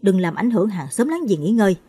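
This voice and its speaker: A woman's voice: mid-range voice, sing-song, fast talker, warm tone, husky. A woman voicing a stubborn middle-aged policeman who snaps at his family. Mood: scolding. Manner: snapping, domineering.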